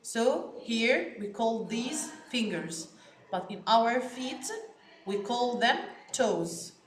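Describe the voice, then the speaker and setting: An Egyptian woman, Arabic by birth, gives a children's English lesson at a very slow, deliberate pace, saying each word twice with clear stress. Her voice sits a little high, and the recording carries the echo of a bare room. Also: animated. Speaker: English teacher. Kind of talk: slow classroom vocabulary lesson.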